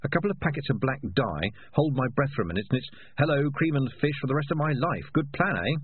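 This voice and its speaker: A man's voice: medium pitch, expressive, fast, breathy edge, no echo, phone-quality sound, voice pushed up. A man doing a smug scheming tomcat. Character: scheming young male tomcat, smug and sly.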